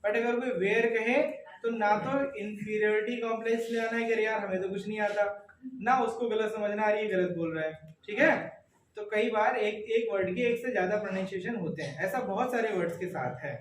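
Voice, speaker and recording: A teacher leads a classroom lesson, calling students up by name and tagging nearly every point with a check that they follow. The talk is chatty and joking. The voice comes from across an echoey room with clear background noise. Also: mid-range voice, fairly quick, recorded from a distance. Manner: quizzes students by name, checks understanding with constant tag questions. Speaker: English teacher. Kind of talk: classroom lesson in Hindi with English terms. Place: classroom, indoors. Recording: echoey classroom, voice from afar, noisy.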